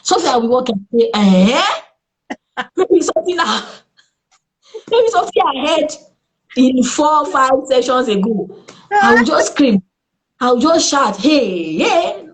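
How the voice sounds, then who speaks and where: A Nigerian woman speaking as a therapist in an interview, earnest and lively, with exclamations in her stories. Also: high voice, moderate pace, pauses often, slight background noise. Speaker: therapist guest. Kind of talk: interview conversation.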